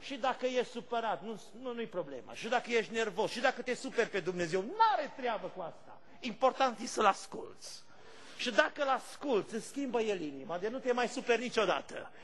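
A male pastor delivers a fervent sermon in a voice pitched high for a man. He bursts into loud shouts of praise, then sinks to soft, low-key storytelling. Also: big pitch swings.

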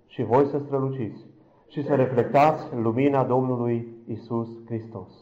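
Fervent preaching man, loud then hushed. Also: mid-range voice, fairly even intonation, dull audio. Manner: swings from loud fervent cries to hushed near-whispers; addresses the congregation directly. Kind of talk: impassioned sermon testimony.

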